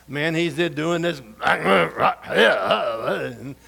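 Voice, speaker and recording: A man's voice: a little high, lively intonation, extremely slow, creaky, husky. Folksy preacher man telling stories. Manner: folksy, humorous, drops to soft intense tone for scripture. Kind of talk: storytelling sermon.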